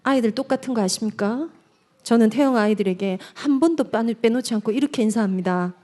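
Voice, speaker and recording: A woman evangelist giving a lively seminar lecture to parents, talking straight to the audience and acting out little scenes. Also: a little high, fast. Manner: animated, addresses the audience directly, acts out quotes.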